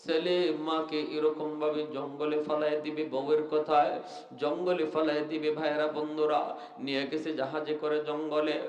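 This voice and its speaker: A man with a Bangladeshi Bengali accent preaching a sermon at an outdoor religious gathering, swinging into melodic, chanted passages over loudspeakers. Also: fairly high pitch, little pitch movement, moderate pace, reverberant, dull audio. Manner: chanting, melodic, swings into loud sung verses. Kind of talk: sung and shouted sermon.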